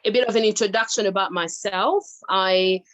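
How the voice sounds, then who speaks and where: A woman's voice: medium pitch, normal speed, fairly bright tone. A young woman from the Democratic Republic of Congo, a medical doctor, speaking as a guest on a video call, hesitant with many fillers as she switches between languages. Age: young adult.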